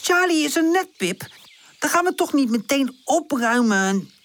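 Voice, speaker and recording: A woman doing an excitable boy dog. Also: high-pitched, a little slow, pitched above the performer's own voice. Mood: excited. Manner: cheerful, excitable. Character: boisterous playful young male dog. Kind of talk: audiobook character voice.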